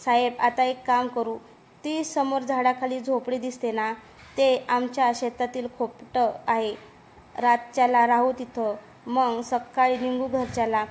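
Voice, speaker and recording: A woman voicing a calm, mysterious rural village woman who speaks in rustic dialect, self-assured and coaxing, as part of a storybook reading. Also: fairly high pitch, measured pace, natural voice.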